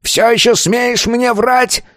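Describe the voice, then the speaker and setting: A man voicing a furious old male sect elder who shouts accusations in a strained, high voice. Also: fairly even intonation, slow, no room sound, clean studio sound, heavily acted.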